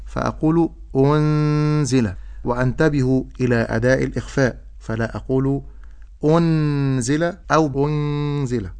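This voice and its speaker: A man teaching Quran recitation, explaining rules and then reciting example words slowly and drawn out. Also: medium pitch, vocal fry, a little mellow. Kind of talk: tajweed lesson with recited examples.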